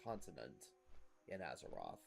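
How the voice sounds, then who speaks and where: A man's voice: very deep voice, huge pitch swings, moderate pace, over music. A man hosting a gameplay series, explaining things to viewers in casual commentary. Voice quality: rough smoker's-type cough.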